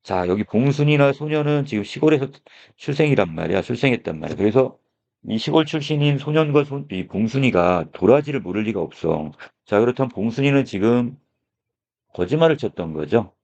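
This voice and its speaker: A man's voice: mid-range voice, expressive, fairly quick, vocal fry, darkish tone. A male teacher giving a classroom lecture on a story, explaining scene by scene and opening many phrases with a filler. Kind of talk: classroom lecture on a literary text. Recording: dull lo-fi recording.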